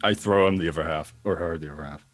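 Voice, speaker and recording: A man's voice: low voice, quick pace. A man playing a tabletop game, casually describing his actions and speaking for his character. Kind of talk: casual in-game role-play.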